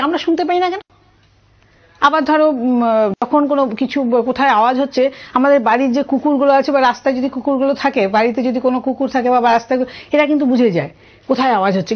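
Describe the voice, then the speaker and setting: A woman with a Bengali accent teaching an online science class, asking students questions and explaining step by step. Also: a little high. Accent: Bengali, from Tripura. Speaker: science tutor. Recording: muffled lo-fi audio.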